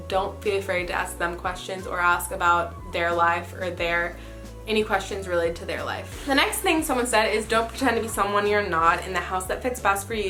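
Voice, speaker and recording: A woman's voice: mid-range voice, pushed and bright. A young woman talking in a chatty, informal way, giving casual advice in a vlog style. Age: young adult. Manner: chatty, informal, frequent "super" and "like". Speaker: sorority member giving recruitment advice. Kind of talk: casual advice vlog, reading messages and commenting.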